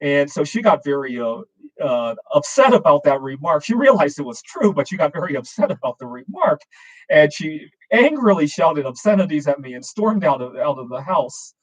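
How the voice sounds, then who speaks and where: A man's voice: a little high, very animated, normal speed, low-quality recording. A man in his forties hosting a casual open-camera chat, rambling with many fillers and restarts. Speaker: show host.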